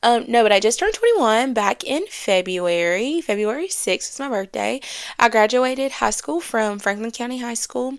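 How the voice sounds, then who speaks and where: A woman's voice: a little high, lively intonation, moderate pace. A woman, hosting her own podcast in a casual, chatty, self-deprecating way. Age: 20s. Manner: chatty and self-deprecating, with frequent fillers and Southern slang. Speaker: podcast host. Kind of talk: casual solo podcast chat.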